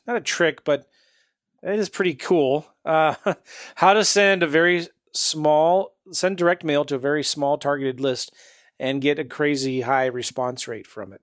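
A man's voice: on the high side, no room sound, clean studio sound. A man hosting a podcast, upbeat and chatty, often laughing as he talks. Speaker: podcast host. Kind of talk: casual interview chat.

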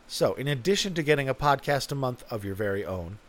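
A man hosts his own podcast and talks loosely and off the cuff, wandering from one thought to the next. His humor is self-mocking and sly, full of asides. His pitch sits in an ordinary middle range for a man. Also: animated, quick pace. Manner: joking, self-mocking, rambling. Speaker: podcast host. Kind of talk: casual podcast chat.

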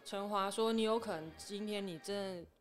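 A woman's voice: medium pitch, brisk, faint music behind. A woman, a model guest speaking in a thoughtful, easygoing way in a casual chat. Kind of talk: casual podcast conversation.

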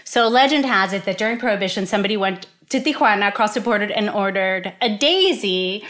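A woman's voice: mid-range voice, animated, a little fast, a bit bright. A woman co-hosting a casual chat, explaining the history of spirits while mixing cocktails, with many "you know" fillers.

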